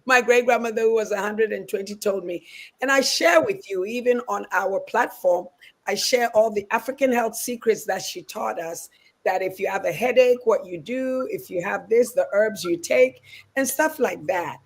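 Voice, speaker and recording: A woman's voice: medium pitch, moderate pace, gravelly. A woman from Ghana, a guest founder chatting in a live-streamed interview, telling stories with many "you know" asides. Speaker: guest, fitness business founder. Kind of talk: casual interview chat. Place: live stream video call.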